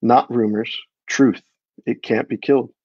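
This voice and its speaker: A man's voice: mid-range voice, steady tone, unhurried, no room sound, close to an everyday voice. A man reading aloud, voicing a weary, grumbling man in a tavern in his own voice, recorded on a dull, dry mic.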